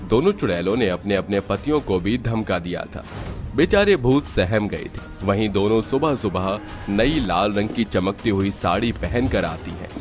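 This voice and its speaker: A man giving scripted storybook narration for a cartoon in a steady storytelling manner. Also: fairly low pitch, normal speed. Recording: soft music behind.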